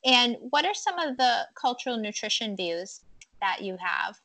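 A woman's voice: a little high, big pitch swings, normal speed, bright, forceful tone, dry recording. A woman co-hosting a podcast, asking upbeat questions. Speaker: podcast co-host. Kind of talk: interview questions.

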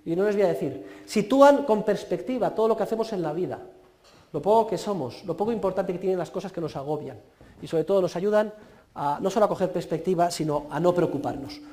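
High-voiced, emphatic Spanish lecturer. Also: male voice, fairly quick, warm tone. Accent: Peninsular Spanish. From Spain. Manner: emphatic, exhorting, with dry humor. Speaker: university lecturer. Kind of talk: lecture giving advice to students.

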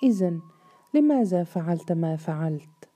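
A woman voicing a furious, contemptuous male estate overseer who shouts insults and interrogates sharply. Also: on the low side, lively intonation, normal speed. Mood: enraged.

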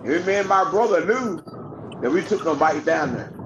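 A man's voice: fairly high pitch, moderate pace. A man hosting a podcast, telling a laid-back story in casual chat and acting out the voices of the people in it. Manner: lively, laid-back storytelling with quoted dialogue. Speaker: podcast host. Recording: dull lo-fi sound with clear noise.

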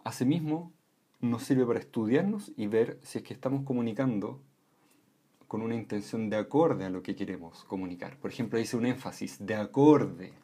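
A man explaining voice and communication in a calm lesson, often checking in with short "¿m?" and "¿ya?" tags. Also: fairly low pitch, normal speed, slightly rough. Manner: calm, with frequent "¿m?" and "¿ya?" check-ins. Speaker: voice and communication instructor.

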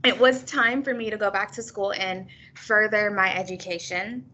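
A young woman speaking as an interview guest, upbeat and expressive, laughing often as she talks. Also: medium pitch, normal speed, dull audio. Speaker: guest, university staff member and new lecturer. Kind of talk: conversational interview.

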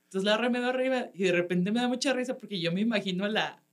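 She's a stand-up comedian with a Mexican accent and a mid-range voice, firing off stories at a rapid clip in an easygoing chat. She's lively, laughs a lot, and leans heavily on slang.

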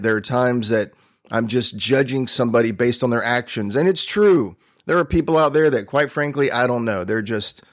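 A man hosting a podcast, telling a motivational story in an earnest, conversational way. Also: mid-range voice. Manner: earnest, conversational, with fillers and restarts. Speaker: podcast host.

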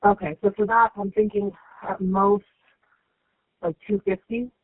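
A woman's voice: medium pitch, flat delivery, unhurried, breathy edge, dry recording. Woman through a morphing voice changer on a phone call. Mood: rambling. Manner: hesitant, rambling, stumbling restarts. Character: newly divorced woman caller, bitter at ex. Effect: voice changer disguising her voice. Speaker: prank caller. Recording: tinny phone line.

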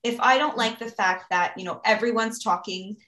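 A woman's voice: fairly high pitch, normal speed, pushed and bright, reverberant. A woman, talking earnestly in a casual podcast conversation, giving advice and often adding "you know" and "right?". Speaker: guest speaker on mental health.

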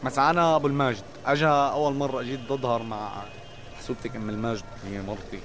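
A man's voice: mid-range voice, fairly even intonation, quick pace, close to an everyday voice. A man playing a chatty, exasperated married taxi driver with a Levantine Arabic accent, telling comic stories in colloquial speech. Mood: teasing storytelling. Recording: music and engine noise behind.

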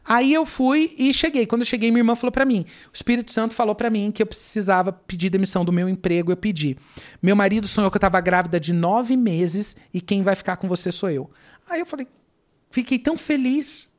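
A man's voice: high-pitched, fairly quick. A man, a guest telling his faith testimony with dramatic retellings of his prayers and cries. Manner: dramatic, reenacts his own shouting and prayers.

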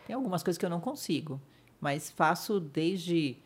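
A middle-aged woman with a Brazilian Portuguese accent, a podcast guest vividly retelling a personal ordeal, acting out what others said and dropping to a hush at the painful moments. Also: fairly low pitch, expressive, moderate pace, husky. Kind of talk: emotional personal storytelling.

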